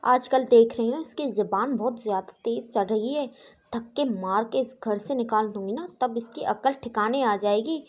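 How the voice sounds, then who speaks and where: A woman's voice: a little high, moderate pace, a little mellow, close to an everyday voice. A woman voicing a seventy-year-old domineering mother-in-law in a cartoon story, scolding and bossy. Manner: scolding, later pleading.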